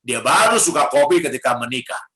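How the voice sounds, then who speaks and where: A middle-aged man preaching a sermon to his congregation, animated, with rhetorical questions and light humor. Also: medium pitch, brisk. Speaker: pastor. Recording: echoey hall sound.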